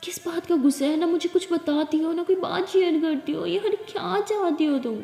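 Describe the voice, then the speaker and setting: A woman's voice: very high-pitched, normal speed, vocal fry, mellow, pitched above the performer's own voice. A woman voicing a young female college lover, pleading and emotional. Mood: demanding. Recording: echoey room with long reverb.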